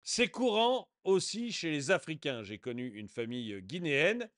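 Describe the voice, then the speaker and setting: A man's voice: fairly high pitch, very animated, moderate pace, fairly bright tone, no echo. Sarcastic man commentating, dry sound. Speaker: online commentator. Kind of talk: casual video commentary.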